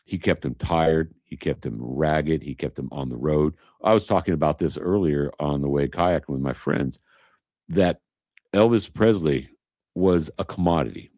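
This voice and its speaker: A man's voice: extremely low pitch, normal speed, darkish tone, no room sound, clean studio sound. A man chatting casually as a host, an emphatic, rambling storyteller. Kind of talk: casual chat.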